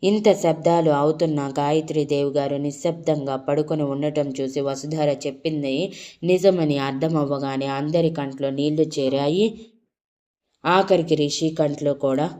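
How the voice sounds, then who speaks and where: Low-voiced woman narrating an audio story. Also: moderate pace. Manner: steady reading with small self-corrections.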